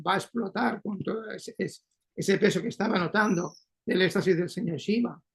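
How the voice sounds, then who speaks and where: A man's voice: sits high, vocal fry, slightly rough. A man, retelling a scripture story in a devotional class, tagging lines with "¿eh?" and correcting himself as he goes. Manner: lively retelling with frequent "¿eh?" tags and self-corrections. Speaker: devotional teacher.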